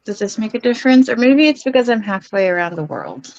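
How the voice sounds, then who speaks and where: A woman guest on a remote call, soft-spoken and apologetic, whose voice sounds muffled and distant as if she were in a tunnel. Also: a little high, big pitch swings, brisk, a little hiss or hum. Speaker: guest, interior designer. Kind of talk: casual chat over a remote call.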